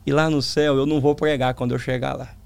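A Brazilian man with a tongue-tied lisp and slurred sibilants, giving reflective religious testimony in conversation as a preacher, with emphatic pauses and repetition. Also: mid-range voice, flat delivery, gravelly, clean tone. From Brazil, small town in the interior. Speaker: preacher, interview guest.

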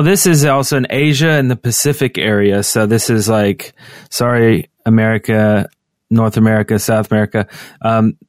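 A man co-hosting a podcast in casual chat, easygoing and quick to agree. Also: fairly low pitch, dry recording. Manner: easygoing, brief agreeing replies. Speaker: podcast co-host.

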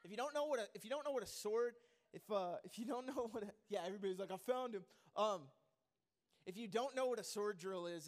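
A man with a high voice preaching a sermon to his congregation. He keeps it lively and joking, wandering off with fillers and restarts before he gets back on track.

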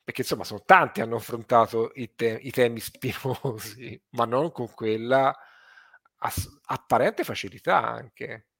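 A man's voice: mid-range voice, unhurried, creaky, fairly bright tone, no room sound, studio quality. A man co-hosting a casual film discussion, circling his points and choosing his words carefully. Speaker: podcast co-host.

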